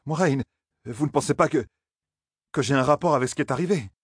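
A man's voice: mid-range voice, a little fast, breathy edge, no echo, studio quality, pitched above the performer's own voice, natural voice. A man reading an audiobook, voicing a frightened young shepherd who talks with urgent, pleading worry.

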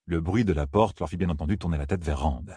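A man narrating a fantasy novel as an audiobook, in a measured, even storytelling manner. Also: sits low, husky, no echo, studio quality.

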